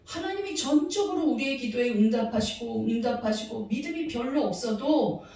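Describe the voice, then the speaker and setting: A woman's voice: on the high side, expressive, moderate pace, dark tone. A woman preaching a sermon to her congregation, earnestly asking them rhetorical questions. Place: church sanctuary. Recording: very echoey hall, mic far off.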